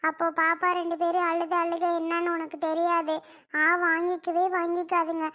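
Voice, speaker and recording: A woman voicing a chatty, caring young woman in a cartoon, gently reproachful. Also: very high voice, monotone, normal speed. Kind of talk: cartoon voice acting.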